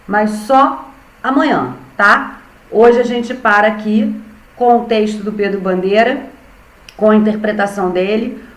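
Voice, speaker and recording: Slow, patient Brazilian woman teacher. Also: on the high side, a bit bright, echoey room, rough recording. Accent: Brazilian Portuguese. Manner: slow, patient, spells out syllables. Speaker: primary school teacher. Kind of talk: online class for young children.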